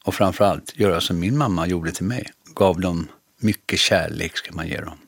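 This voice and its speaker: Gravelly man telling stories. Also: deep voice, no room sound, clean studio sound. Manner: animated, acts out quoted voices. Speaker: radio host telling his life story. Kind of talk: casual storytelling.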